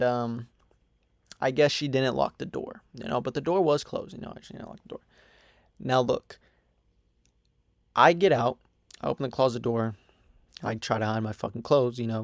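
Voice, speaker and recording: A young man tells a story in a loose, rambling way, swearing often and padding his sentences with "you know" and "whatever." His voice sits in an ordinary middle pitch. The sound is close and dry, with no room around it. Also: no room sound. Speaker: storytime vlogger. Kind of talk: casual storytime monologue.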